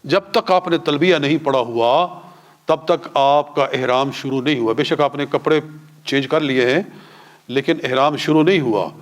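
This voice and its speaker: A man with a Punjabi-influenced Urdu accent teaching a class on pilgrimage rites. He has his listeners repeat prayers after him, slowly and drawn out. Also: fairly high pitch. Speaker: religious teacher.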